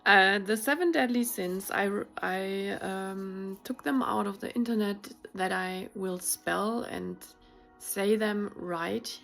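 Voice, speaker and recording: A woman's voice: mid-range voice, takes it slowly, vocal fry, a bit bright, faint music behind. A woman with a German accent talking casually to her viewers in a vlog, hesitant, with many fillers and restarts. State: recovering from surgery. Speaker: YouTuber.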